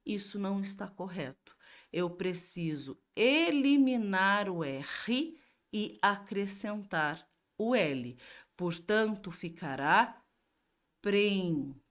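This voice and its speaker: A woman's voice: mid-range voice, big pitch swings. A woman teacher with a Brazilian Portuguese accent giving a grammar review lesson, explaining step by step and asking herself questions before answering them. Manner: slow and explanatory, asks and answers her own questions.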